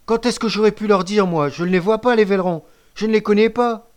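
Man voicing a scared accused boy, shrill, pleading, stammering. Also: brisk, lightly acted. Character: frightened lame boy accused of treason.

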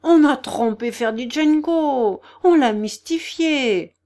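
A whining, self-pitying male guest in a storybook reading, put on by a woman. His lines come slow, raised and moaning. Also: sits high, mellow, voice pushed up. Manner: moaning, drawn-out. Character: whining, mocking man at a party.

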